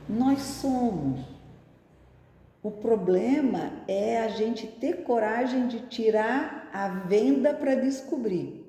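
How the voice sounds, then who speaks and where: A woman's voice: a little high, warm tone. A woman giving a reflective spiritist talk, often asking rhetorical questions. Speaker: spiritist speaker. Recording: echoey hall.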